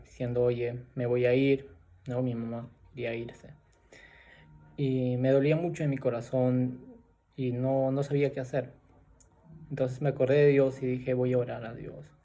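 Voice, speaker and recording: Soft, halting man sharing testimony. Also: medium pitch. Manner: soft-spoken, halting with many fillers and tag questions. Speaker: storyteller sharing his testimony. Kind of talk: personal faith testimony, unscripted.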